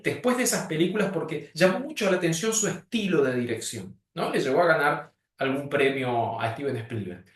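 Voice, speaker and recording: A man's voice: sits high, a bit bright. A man with an Argentine accent teaching a communication skills class, speaking emphatically and shifting his pace and tone to make his points. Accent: Argentine Spanish. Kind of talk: classroom lecture. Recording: echoey room from a distance.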